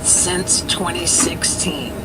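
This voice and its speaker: Higher-voiced man over car noise. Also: takes it slowly. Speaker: host. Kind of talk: casual interview chat. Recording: clear car and street noise.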